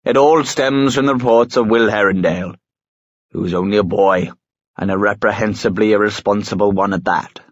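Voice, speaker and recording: A man's voice: lowish voice, fairly even intonation, normal speed, dry recording, highs cut off, lightly acted. A man voicing an angry, defensive council leader who speaks tightly through gritted teeth.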